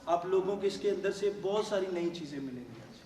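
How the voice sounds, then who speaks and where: Pastor guy with a really high voice preaching, asks the crowd questions and shouts bits, far off mic, big echoey hall. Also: lively intonation. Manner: fervent preaching, with rhetorical questions and sudden shouted emphasis. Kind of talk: sermon.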